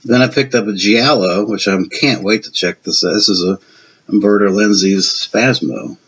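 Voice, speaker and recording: His voice is lowish, fairly bright, and a little breathy, moving at a normal pace. He's a Southern-accented Virginian in his fifties or sixties, chatting and rambling slightly in a self-deprecating way while showing off his films for a casual vlog recorded with dull, lo-fi sound and faint hiss.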